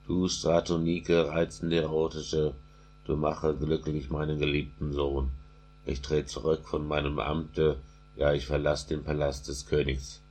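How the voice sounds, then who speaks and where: A man voicing a doting, generous aging king in slow, solemn verse, with a husky voice. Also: rumbling low, level tone, darkish tone, full character voice.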